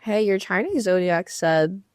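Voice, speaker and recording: A young woman co-hosting a casual chat podcast, retelling conversations with quick asides. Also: medium pitch, animated, a little mellow, clear, resonant tone, dry recording, studio quality. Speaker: podcast co-host.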